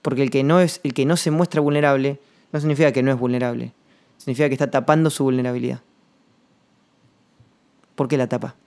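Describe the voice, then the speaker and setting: A man with a Rioplatense Spanish accent hosting a reflective solo podcast monologue, rambling and slangy, thinking aloud with pauses. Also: medium pitch, steady tone, darkish tone. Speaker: podcast host.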